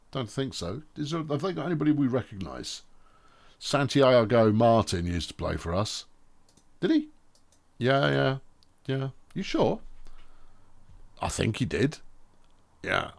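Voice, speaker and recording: A man's voice: mid-range voice, vocal fry. A man commentating casually on a football management game, with a dry, sarcastic, chatty manner. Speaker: gaming commentator.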